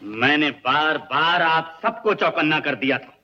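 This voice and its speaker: High, scornful male dacoit leader, mocking,, dull old film soundtrack. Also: lively intonation, a little slow, pushed and bright, faint music behind, full character voice.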